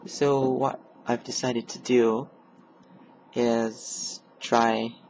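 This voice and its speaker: A young man from Perth, Australia, talks slowly and haltingly into a computer webcam, with many ums, and tries out put-on accents as he goes. His voice sits at an ordinary pitch. The audio is dull and lo-fi from the built-in mic, with a faint hiss underneath. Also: level tone, a little mellow. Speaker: student vlogger. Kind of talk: rambling webcam test chat.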